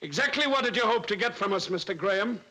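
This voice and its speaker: A man's voice: sits high, expressive, fast, sharp tone, heavily acted. A man playing a domineering, suspicious middle-aged father with an imperious, interrogating manner in a 1950s film drama. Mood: guarded, suspicious. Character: domineering, suspicious, forceful British father and boss. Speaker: actor.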